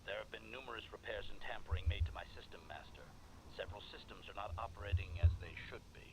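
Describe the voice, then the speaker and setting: A man's voice: on the low side, fast talker, noisy background. A man voicing a video game assassin droid, servile yet condescending, formal and clipped, through a metallic robot filter. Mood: haughty, servile. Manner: formal, clipped, announces each statement type, obsequious yet haughty. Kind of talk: scripted video game dialogue.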